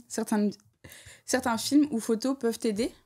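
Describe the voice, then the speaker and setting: A woman's voice: on the high side, fairly even intonation, slow, dark tone, breathy edge. A woman co-hosting a challenge video, talking in casual, playful banter and teasing her partner.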